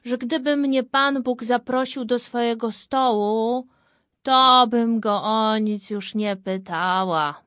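A woman's voice: on the high side, slow, fairly bright tone, no room sound. A woman chatting reflectively with a storyteller, sharing thoughts and memories. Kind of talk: casual chat.

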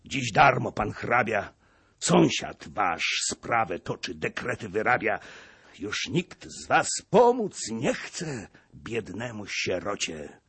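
Man playing a vengeful old servant, husky, lively swings, unhurried verse. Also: fairly low pitch, heavily acted. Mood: bitter. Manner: declaiming in rhymed verse.

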